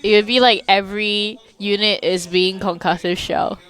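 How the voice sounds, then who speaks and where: A woman's voice: mid-range voice, normal speed, clean tone. A young woman co-casting an esports match, asking questions and chatting through the players. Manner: animated, curious, chatty analysis. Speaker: esports co-caster. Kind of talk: casual esports commentary.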